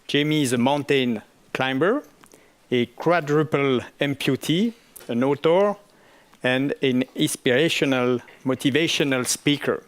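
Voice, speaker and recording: A man hosting a graduation ceremony, giving a formal, slightly halting introduction of the speaker. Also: medium pitch. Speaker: ceremony host. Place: ceremony hall.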